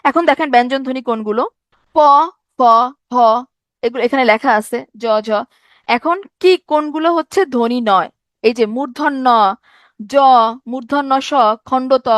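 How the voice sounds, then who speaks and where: High-voiced woman teaching grammar. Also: no echo, studio quality. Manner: explanatory, asks rhetorical questions, repeats points. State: tired from no sleep. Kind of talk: exam-prep grammar lecture.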